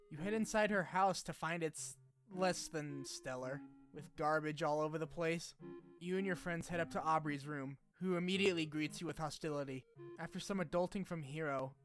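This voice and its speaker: Over background music, a man with a fairly high, fairly bright voice narrates a scripted video essay about a game. His take is informal, sweary and opinionated, a retrospective peppered with casual asides.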